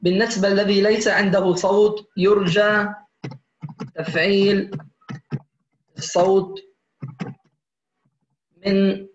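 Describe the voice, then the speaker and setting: High-voiced man teaching recitation online. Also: flat delivery, roomy sound, lo-fi sound, slight background noise. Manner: patient, addresses students warmly as dear ones; models recitation examples slowly. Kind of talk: online tajweed lesson.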